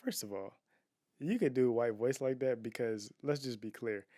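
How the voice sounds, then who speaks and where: A man's voice: mid-range voice, moderate pace, warm tone, no room sound, clean studio sound. A man co-hosting a casual couples podcast from home, talking in an opinionated, emphatic way. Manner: opinionated, emphatic, restarts and fillers. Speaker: podcast co-host. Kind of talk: casual chat.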